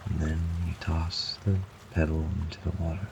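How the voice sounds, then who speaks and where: Very deep, gravelly man guiding relaxation. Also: noisy background. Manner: calm, soothing, measured with long pauses. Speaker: host, guided meditation narrator. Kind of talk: guided imagery relaxation narration.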